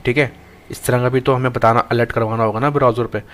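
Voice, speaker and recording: A young man teaching a coding class, thinking aloud as he types, with frequent pauses and restarts. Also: medium pitch, fairly even intonation, a bit bright. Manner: thinks aloud while typing, halting with many restarts. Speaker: programming tutor. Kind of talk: screen-recorded coding lesson.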